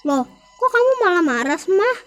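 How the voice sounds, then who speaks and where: A man's voice: extremely high pitch, sing-song, moderate pace, a bit bright, heavily acted. A young man voicing a worried young wife who pleads and scolds, over faint game music. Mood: upset. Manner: pleading and nagging.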